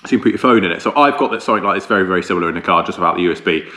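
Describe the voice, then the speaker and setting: Speaking very fast in a low-pitched, sharp-toned voice, this man rambles informally to camera as a car restoration vlogger and presenter. It's casual vlog talk, recorded with a roomy echo and a little background noise.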